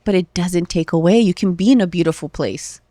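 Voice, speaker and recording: A woman in her thirties from Los Angeles talks candidly and emotionally as a podcast guest in a casual conversational interview, using lots of filler words. Her lowish, mellow voice runs a little fast, and the recording is dry with clean studio sound.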